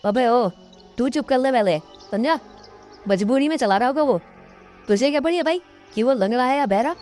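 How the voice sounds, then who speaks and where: A blunt male passer-by in a cartoon storybook snaps out a rapid scolding, put on by a woman. Music stays faint beneath him. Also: high-pitched, animated, a little mellow, voice pushed up.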